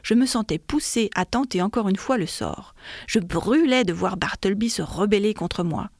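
A woman reading a classic story aloud in a measured, expressive way. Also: mid-range voice, dry recording, clean studio sound. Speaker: audiobook reader. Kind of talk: scripted narration of a classic novella.

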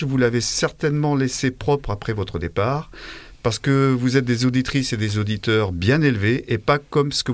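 A man's voice: medium pitch, no echo. A man hosting a radio column in a studio, jovial and chatty, often correcting himself. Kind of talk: radio chronicle with guests. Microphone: studio microphone.

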